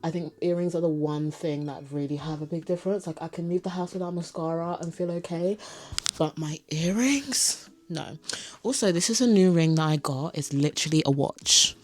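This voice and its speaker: A woman's low voice, at normal speed, belongs to a vlogger in her twenties from South London with a London-and-Kent accent. Perched on a beanbag chair in her bedroom, she responds to viewer questions for the camera in front of her, chatty, candid and prone to asides.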